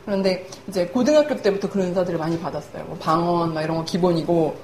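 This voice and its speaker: A woman's voice: fairly low pitch, fast talker, darkish tone. A young woman preaching a humorous sermon in a chatty, self-mocking way, laughing often as she talks. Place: church hall. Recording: echoey church hall, faint room noise.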